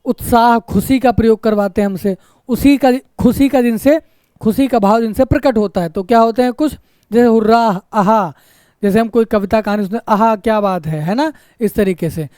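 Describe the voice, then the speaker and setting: A mellow, softly rounded voice of a grammar teacher running an exam-prep lesson. Points come back again and again, each followed by a checking "isn't it?", with short exclamations acted out as examples. The recording is close and dry, with almost no room around it. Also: mid-range voice, normal speed, no echo. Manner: repetitive, keeps asking "isn't it?" tag questions. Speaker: Hindi teacher.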